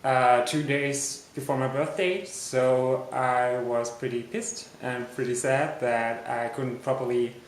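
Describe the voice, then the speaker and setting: A man in his twenties with a German accent, recalling a memory in English and halting to search for words. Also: mid-range voice, little pitch movement, slight background noise. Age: 20s. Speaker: interviewee. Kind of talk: personal recollection. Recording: echoey room.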